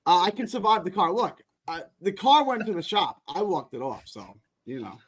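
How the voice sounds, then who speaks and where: A man's voice: sits high, sing-song, normal speed, slightly rough. A man in his forties telling stories in casual sports chat, often stumbling and repeating words. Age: 40s.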